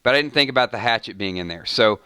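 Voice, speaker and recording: A man hosts a casual fan live stream, speaking fast at a medium pitch in a bright, forward, smooth and clean voice. He's animated and keeps breaking off mid-sentence to react to the chat with repeated "hold on" and "wait a minute." The recording is close and dry, with no echo or room around it.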